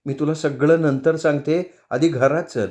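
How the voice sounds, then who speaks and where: A man's voice: fairly high pitch, fairly even intonation, normal speed, a little mellow, lightly acted. A man reading the lines of a bold, wary middle-aged woman in a storybook, with a slightly raised voice. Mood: brisk.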